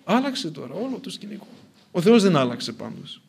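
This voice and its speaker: Earnest higher-pitched man preaching. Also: huge pitch swings, gravelly, a little mellow, breathy edge. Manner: earnest, repeats phrases for emphasis, rising and falling intensity. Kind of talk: sermon.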